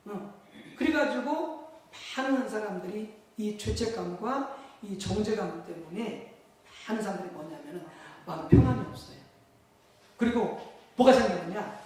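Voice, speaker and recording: A male pastor preaches in a question-and-answer way, putting questions to the congregation and answering them himself. His voice sits high for a man, and it rings through a very echoey church hall, picked up by a mic well away from him, with a faint room hum behind. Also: distant mic. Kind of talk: sermon.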